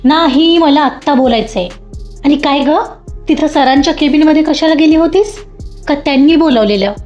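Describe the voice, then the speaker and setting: A woman's voice: high voice, normal speed, a little mellow, natural voice. A woman voicing a jealous, dismissive young male assistant who speaks in a curt, defensive way. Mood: pushy. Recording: dull lo-fi audio with faint music.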